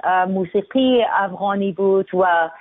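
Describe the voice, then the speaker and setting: A young woman from Afghanistan, a singer, talking as an interview guest in an earnest, reflective, unhurried way. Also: mid-range voice, no room sound. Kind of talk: casual interview talk. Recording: tinny phone-like line.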